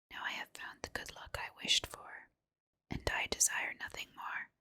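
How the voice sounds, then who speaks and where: A woman reading a fairy tale in a breathy ASMR whisper, as a measured, deliberate storybook narrator. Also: pushed and bright. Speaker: host and reader of fairy tales.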